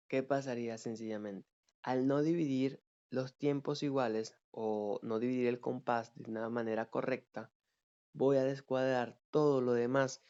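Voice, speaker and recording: A man teaching an online music theory lesson. He explains patiently, counts beats aloud and keeps checking in with a quick "ok?". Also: medium pitch, darkish tone, highs cut off.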